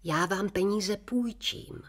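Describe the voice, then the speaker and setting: A woman reading as a brisk, stern old lady. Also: medium pitch, pitched above the performer's own voice, close to an everyday voice. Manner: brisk and firm. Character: stern, kindly old woman in a face mask.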